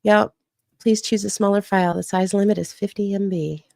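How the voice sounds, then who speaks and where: A woman co-hosting a podcast in relaxed, casual chat, with quick asides and easy laughter over a video call. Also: mid-range voice, gravelly, dry recording. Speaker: podcast co-host. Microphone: streamed video call.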